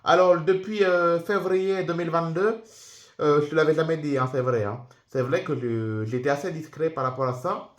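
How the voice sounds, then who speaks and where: A man's voice: a little high, moderate pace, lightly acted. A man puts on a friendly, rambling company boss with a Ukrainian accent for a homemade toy-figure film. He talks in a slightly raised, roomy-sounding voice, full of hesitations and loose asides. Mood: explaining. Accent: Ukrainian, put on. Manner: easygoing, rambling, many fillers. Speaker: company director. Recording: roomy echo.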